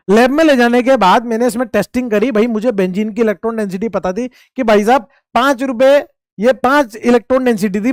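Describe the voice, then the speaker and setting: A man's voice: high-pitched, a little mellow, no echo, studio quality. A man teaching chemistry in a casual, joking lecture, who repeats key points and asks and answers his own questions while addressing students like friends. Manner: chatty and teasing, talks to students as friends. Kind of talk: informal classroom lecture.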